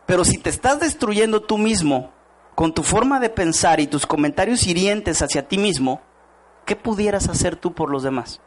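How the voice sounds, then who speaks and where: Male speaker, motivational seminar style, a bit high-pitched, keeps asking the room questions. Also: lively intonation, moderate pace. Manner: rhetorical questions to the audience, acts out quoted voices. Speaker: network marketing speaker. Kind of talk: motivational talk to a live audience.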